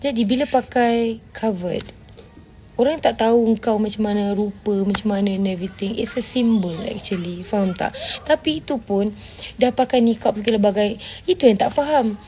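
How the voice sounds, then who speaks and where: Faint music plays behind a woman speaking at normal speed in a medium-pitched, dark voice. Hosting a casual livestream with a Malaysian Malay accent, she bluntly handles viewer comments and scolds her audience in Malay and English, frequently asking "faham tak?".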